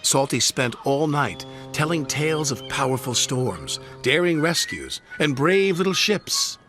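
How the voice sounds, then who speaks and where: A man's voice: fairly high pitch, very animated, unhurried. A man reading a children's story aloud expressively, with music behind. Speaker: narrator. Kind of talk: storybook narration.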